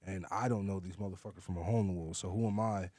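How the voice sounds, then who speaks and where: A man's voice: sits low, fairly even intonation, very fast, a little mellow, no room sound. A man as a podcast guest, laid-back and slangy, swearing often. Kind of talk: casual podcast chat.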